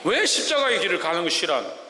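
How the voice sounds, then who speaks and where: Animated pastor preaching in a hall. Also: male voice, high-pitched, quick pace, a little hiss or hum. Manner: emphatic, rhetorical questions, swings between loud and soft. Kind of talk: sermon. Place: church sanctuary.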